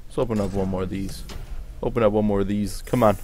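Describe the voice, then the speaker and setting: A man's voice: on the low side, fairly even intonation, fast talker, darkish tone, slight background noise. A man hosting a gaming video with casual commentary, reacting aloud to what appears on screen.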